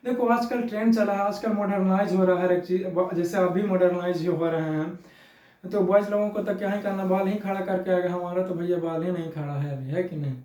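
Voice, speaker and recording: High-voiced teacher in an echoey room. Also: male voice, steady tone, fairly quick, a little mellow, distant mic. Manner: chatty, teasing, explains with home examples and mixes in English. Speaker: science teacher. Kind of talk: classroom lecture.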